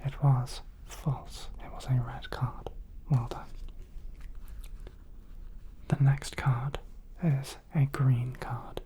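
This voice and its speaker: A woman doing a soothing whispered role-play as a clinician, guiding the listener softly and close to the microphone. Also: extremely low pitch, level tone, extremely slow, pauses often, slightly rough. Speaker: ASMR host playing a clinician.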